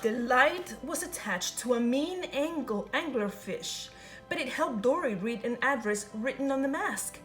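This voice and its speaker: A storybook reader, a woman with a higher voice, reads a children's picture book aloud in an expressive, lively sing-song that swoops up and down. She is unhurried, taking her time over every line and drawing out the telling, while soft music plays faintly behind her.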